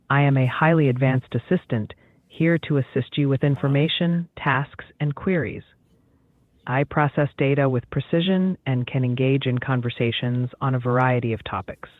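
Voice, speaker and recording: Male AI assistant voice, synthetic and formal, chirpy canned humor, mid pitch, coming through a thin phone line. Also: no room sound. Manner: formal, upbeat assistant talk with canned jokes. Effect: synthetic AI voice over a phone line. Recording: tinny phone line, dry.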